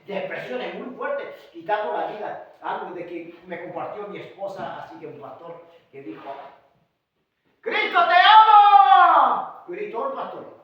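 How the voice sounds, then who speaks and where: High-voiced Chilean preacher in echoey hall. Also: male voice, normal speed, far from the mic, lo-fi sound. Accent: Chilean Spanish. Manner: swings from hushed asides to shouted, sung-out exclamations. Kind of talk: Pentecostal-style sermon. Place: church hall.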